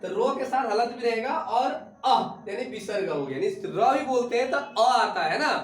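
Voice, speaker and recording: A man's voice: very high-pitched, animated, normal speed. A male teacher giving a classroom lesson, asking his students questions and repeating their answers. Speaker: Sanskrit teacher. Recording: echoey classroom recorded from a distance.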